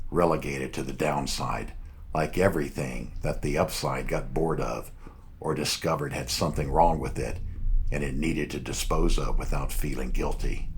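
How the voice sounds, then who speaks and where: A man narrating a noir audiobook in a measured, dry storytelling manner. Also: a bass voice, a little hiss or hum.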